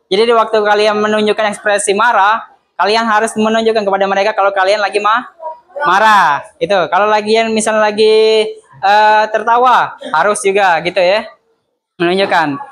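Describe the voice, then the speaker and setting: Man teaching a class, steady and explanatory. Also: high voice. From Indonesia. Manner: explains step by step, with frequent "ya" check-ins. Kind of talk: classroom lesson.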